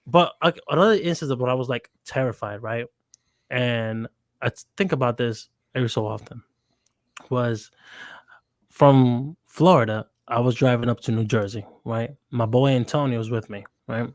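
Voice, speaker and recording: A man's voice: mid-range voice, moderate pace, dry recording. Slangy laid-back man telling a story. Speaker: podcast guest. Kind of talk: casual storytelling chat.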